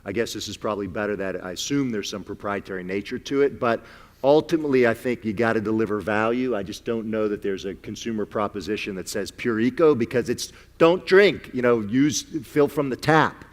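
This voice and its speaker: A man's voice: lowish voice, fast talker. Candid male judge in a reverberant hall. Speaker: competition judge. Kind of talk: off-the-cuff panel critique.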